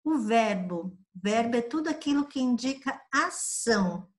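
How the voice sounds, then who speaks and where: A woman's voice: on the high side, lively intonation. A woman from Brazil teaching a grade-school lesson review, patiently drawing out each example word for young pupils. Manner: patient, spells out examples slowly for children.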